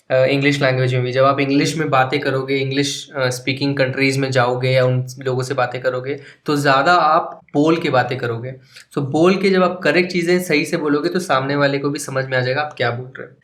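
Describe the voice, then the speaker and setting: A man with an Indian English accent explaining an English lesson to schoolchildren, switching between Hindi and English and repeating words slowly. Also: medium pitch. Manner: mixes Hindi and English, slow explanatory repetition. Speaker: English teacher.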